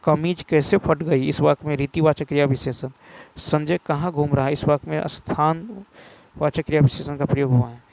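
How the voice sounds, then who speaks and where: Male teacher, exam paper lesson, gravelly, slightly high voice. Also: moderate pace, slight background noise. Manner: steady, explanatory, reads a question then gives the answer.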